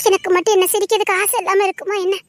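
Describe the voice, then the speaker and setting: A woman's voice: very high voice, little pitch movement, rapid-fire. A woman with a Tirunelveli accent playing a devoted young heroine in a dramatic serial, speaking with heartfelt, defiant conviction. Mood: sorrowful. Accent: Tirunelveli Tamil. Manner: defiant, then sorrowful and pleading.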